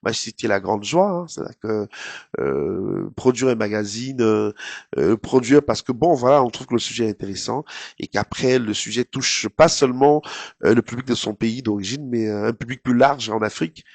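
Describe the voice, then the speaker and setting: A man's voice: mid-range voice, normal speed, creaky, darkish tone, dry recording. A middle-aged man from Cameroon with a Cameroonian French accent, answering interview questions in a casual, hesitant way with many fillers. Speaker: TV host, guest.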